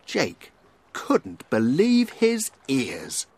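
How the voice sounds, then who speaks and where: Guy reading a kids story, super slow, voice swooping all over, middle pitch. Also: husky, no room sound. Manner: slow and expressive.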